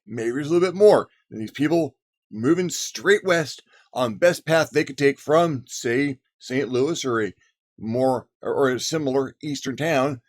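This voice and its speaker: A man's voice: mid-range voice, natural voice. A man putting on a folksy cowboy drawl. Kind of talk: cowboy voice in a monologue.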